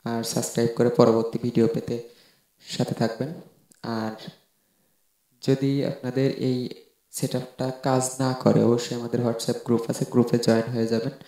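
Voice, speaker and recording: Step-by-step instructions come from a male tech tutorial host whose voice is warm and medium in pitch. His informal narration is repetitive, recorded as a voice-over with a roomy echo.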